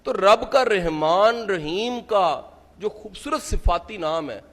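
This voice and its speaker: A man's voice: high voice, animated, fairly bright tone. A man gives an impassioned religious lecture to a seated audience, asking many rhetorical questions. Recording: long hall reverb.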